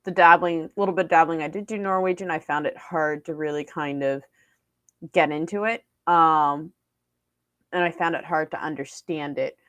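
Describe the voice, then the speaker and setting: Speaking into a boom-arm desk microphone in a small room, a young woman chats in a vlog about her language studies. She wanders off track, restarting sentences and filling gaps with filler words. Her voice sits low and a bit bright, with fairly even intonation, a normal speed and no room sound.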